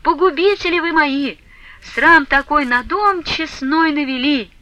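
A woman reading an old peasant mother who laments in a high, wailing voice, in an audiobook. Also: sing-song, normal speed, sharp tone, no room sound, heavily acted.

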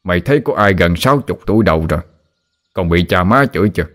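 A man's voice: low voice, animated, fast talker, a bit bright. A man with a Southern Vietnamese accent voicing a grumbling old rural father who nags his son to marry. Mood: scolding. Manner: scolding, teasing.

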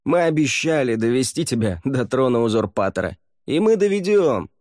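A man's voice: medium pitch, sing-song, moderate pace, a little mellow, no room sound, clean studio sound, pitched above the performer's own voice, close to an everyday voice. A man voicing a grumpy, sarcastic sailor who snorts and grumbles. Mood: grumbling. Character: grumpy sardonic male sailor.

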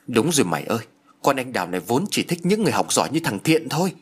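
A man voicing a plain-spoken young village man in an audiobook story, with a husky voice. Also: medium pitch, very animated, fast. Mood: earnest. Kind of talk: audiobook character voice.

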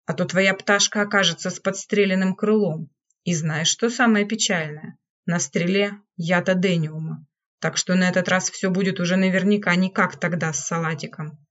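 A woman's voice: lowish voice, steady tone, moderate pace, close to an everyday voice. A woman reading an audiobook, voicing a hysterical, jealous woman servant who speaks in a bitter, accusing way. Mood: menacing. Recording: dull lo-fi recording.

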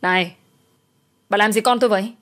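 A woman's voice: mid-range voice, fairly even intonation, a little fast, fairly bright tone, natural voice. A woman voicing an angry young father defending his wife and son. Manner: stern demands.

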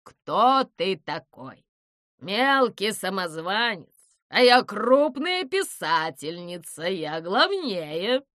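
A woman's voice: mid-range voice, big pitch swings, a bit bright, dry recording, studio quality. A woman reading a storybook aloud, voicing a haughty female owl who thinks herself the smartest bird alive. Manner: slow, haughty, grumbling. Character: haughty grumbling female owl, self-proclaimed writer.

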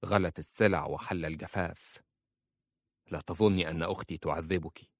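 A man's voice: deep voice, fairly even intonation, moderate pace, no echo, clean studio sound, voice pushed down. A man voicing a guarded young woman who speaks firmly and with suspicion. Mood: stern. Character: stern wary young woman, guarded and firm.

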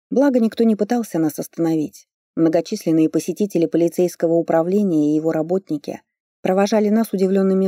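A woman narrating a first-person fantasy audiobook with lively, expressive storytelling. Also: on the low side, no echo, studio quality.

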